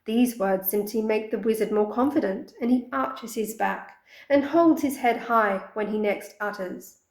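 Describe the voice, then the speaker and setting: A woman narrating a children's fantasy audiobook in a steady, expressive reading voice. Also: a little high, measured pace, echoey room, low-quality recording. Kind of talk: scripted storybook narration.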